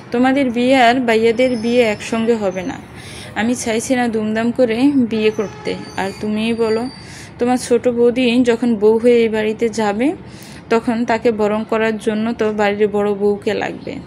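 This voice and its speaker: A woman's voice: fairly high pitch, darkish tone, a little hiss or hum, poor audio. A woman reading an audio story aloud, narrating and speaking every character's dialogue in one voice.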